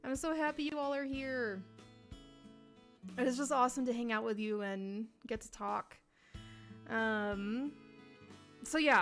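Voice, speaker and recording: A woman casually chatting on a livestream, greeting viewers by name between many ums and pauses. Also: fairly high pitch, a bit bright. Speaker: livestream host.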